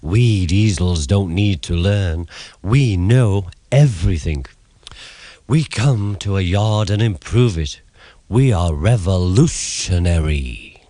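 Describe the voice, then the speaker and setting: A boastful, scheming diesel engine from a children's storybook, acted out by a male reader. The voice is pompous and easily offended, swinging widely in pitch, in a dry, close recording. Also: animated, slow, mellow, no echo. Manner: pompous, indignant.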